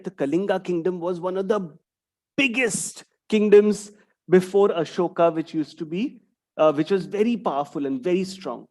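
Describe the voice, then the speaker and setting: With a fairly high, slightly mellow voice, a young man talks online to young schoolchildren over video call as their guest speaker. A questioning "right?" caps many of his sentences.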